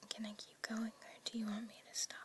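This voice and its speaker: A woman performing a whispered role-play as a tender but dominant, seductive lover, in a breathy, coaxing way. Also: a little high, completely flat delivery, a little fast. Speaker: audio role-play performer in an adult scene.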